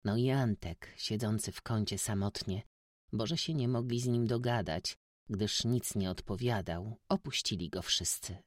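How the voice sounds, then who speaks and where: A man reading a classic novel aloud as an audiobook narrator, in a steady, measured storytelling manner. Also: on the low side, no room sound, studio quality.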